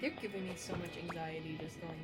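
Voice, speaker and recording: A woman's voice: fairly low pitch, steady tone, fast talker, loud music behind the voice. A woman doing casual commentary on a video game tournament, giggling and teasing her co-hosts.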